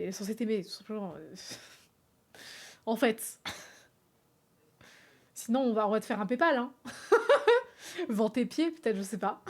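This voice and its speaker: A young woman streaming live, chatting casually with her viewers, animated and laughing often. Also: fairly high pitch. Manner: animated, laughs often, talks straight to chat.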